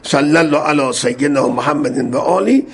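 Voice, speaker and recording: A male preacher with a gravelly, husky voice, giving a fervent, pleading sermon mixed with prayer that rises into loud cries. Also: a little high. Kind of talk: religious sermon with supplication.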